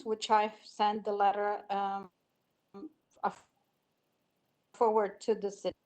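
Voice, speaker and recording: A woman neighbor speaking at a public hearing over a video call, halting and hesitant, her voice breaking up over a bad connection. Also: mid-range voice, completely flat delivery, a little mellow. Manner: halting, hesitant, many fillers. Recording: choppy distant online call audio.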